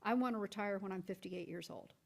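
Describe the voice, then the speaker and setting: A woman speaking as a school board member in a meeting room. Her pitch sits in the middle and her delivery is deliberate. She walks through her reasoning with one hypothetical example after another and often restarts her sentences. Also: creaky. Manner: explains with step-by-step hypotheticals, frequent restarts. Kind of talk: deliberating at a public board workshop.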